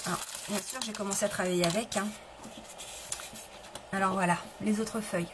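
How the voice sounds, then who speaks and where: During a live papercraft tutorial, a middle-aged woman chats casually, restarting sentences and answering viewers while she shows her materials. Her voice is medium in pitch with fairly even intonation, and she speaks at a moderate pace over a noisy background.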